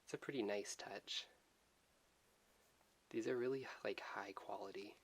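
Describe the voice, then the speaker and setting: A soft-spoken man giving an unhurried ASMR unboxing commentary. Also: fairly low pitch, fairly even intonation. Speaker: host of an unboxing video. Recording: hissy background noise.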